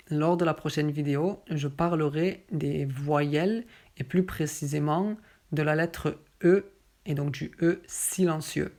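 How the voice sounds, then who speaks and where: A woman teaching pronunciation, patiently spelling out sounds and pausing with fillers. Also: low-pitched, a little mellow. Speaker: French teacher. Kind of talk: pronunciation lesson.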